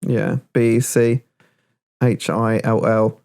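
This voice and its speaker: A man's voice: on the low side, flat delivery, takes it slowly, creaky, a little mellow, clear, resonant tone. A man hosting a podcast, chatting casually and rambling as he recalls things. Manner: rambling, laughs while quoting clips. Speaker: podcast host. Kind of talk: casual chat.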